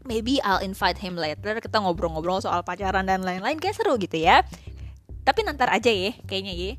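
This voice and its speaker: A woman's voice: medium pitch, animated, normal speed, fairly bright tone, soft background music. A young adult woman hosting a casual chat podcast, blunt and slangy, dropping English phrases into her talk. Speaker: podcast host.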